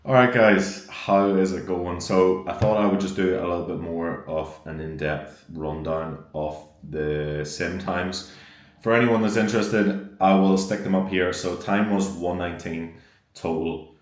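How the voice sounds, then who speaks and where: A young man chats to his camera about training, upbeat and loose, dropping swear words as he goes. His voice sits low and deep and barely rises or falls, so even his excitement comes out fairly level. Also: measured pace. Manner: upbeat, chatty, swears freely. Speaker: fitness vlogger. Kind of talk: casual talk to camera.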